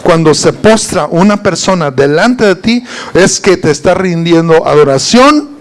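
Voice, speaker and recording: This man's voice is high and animated, his pace a little slow. He runs a casual Bible study for a group, reading out verses and testing his listeners with rhetorical questions.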